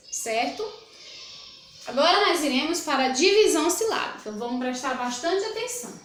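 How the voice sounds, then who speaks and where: A woman with a Brazilian Portuguese accent gives a grammar lesson to young pupils in a high voice. She is patient, says words slowly and more than once, and keeps checking that the class follows her. Her voice rings in an echoey room. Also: a bit bright. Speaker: primary school teacher. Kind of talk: recorded grammar lesson for children.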